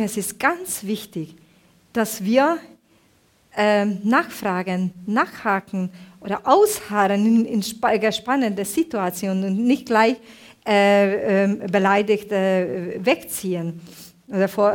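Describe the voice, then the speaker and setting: A woman from Hungary, giving a sermon with a personal story, halting and often searching for words. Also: a little high.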